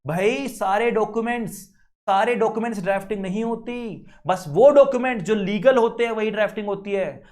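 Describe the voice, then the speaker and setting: An Indian man in his young adult years delivers a lecture in a high, lively voice. He talks to his students directly, scolding and joking with them, and slows down to read out English legal definitions. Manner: lively, scolding, switches between Hindi and English legal phrases. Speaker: teacher.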